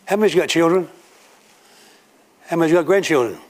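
A man's voice: a little high, lively intonation, fairly quick. A man preaching a sermon to a congregation, telling homely stories and acting out everyday scenes. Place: church room with a congregation.

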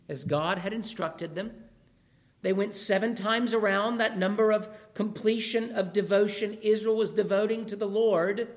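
A man with a fairly high voice preaches a sermon, taking his time with every phrase. He keeps asking the congregation rhetorical questions while his voice wears out and he loses it.

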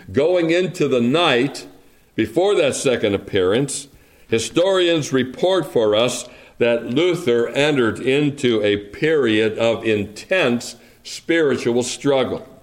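A man preaching a sermon, reading scripture aloud and then explaining it in a measured, reflective way with rhetorical asides to the congregation. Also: medium pitch.

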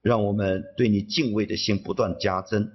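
A man interpreting a sermon phrase by phrase, somewhat halting. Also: fairly low pitch, fairly even intonation, breathy edge, dull audio.

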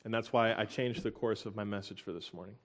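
A young man preaching a sermon, earnest and emotional, with halting restarts and soft laughs. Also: on the low side, steady tone.

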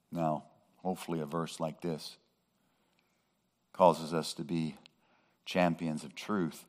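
Male pastor, deep low voice, slow and deliberate sermon delivery with emphatic rises. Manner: slow, measured preaching that rises to emphatic peaks.

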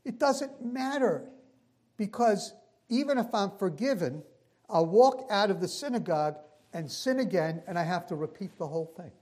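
A man's voice: high voice, expressive, moderate pace, darkish tone, pitched above the performer's own voice. A man voicing an argumentative, dismissive male rabbi in a story.

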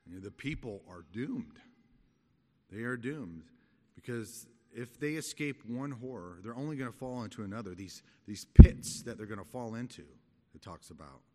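A middle-aged man giving an expository Bible study in a halting, conversational, explanatory manner. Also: lowish voice, animated, dark tone. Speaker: Bible teacher. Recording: echoey hall with long reverb.

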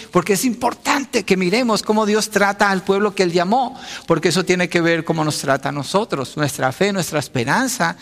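A man preaching a teaching sermon, asking rhetorical questions and answering them himself. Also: on the high side. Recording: long reverb of a large hall.

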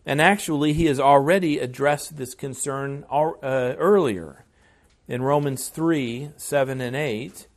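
Slow, earnest man preaching a sermon. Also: mid-range voice. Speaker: pastor. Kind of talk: expository sermon.

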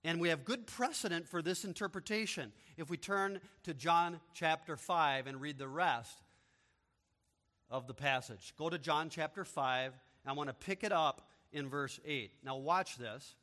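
Pastor guy preaching, bright kinda high voice, big echoey church hall, gets loud and punchy at the peaks. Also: a little slow. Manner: swings from quiet explaining to loud proclaiming. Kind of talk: expository sermon. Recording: long reverb of a large hall.

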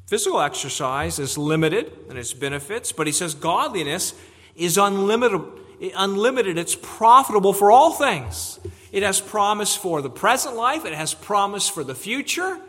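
A man preaches in an earnest, emphatic way, circling back to repeat his key phrases. His voice is bright and sits a little high. It rings with the long reverb of a church hall. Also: big pitch swings, moderate pace. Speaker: pastor. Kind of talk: sermon.

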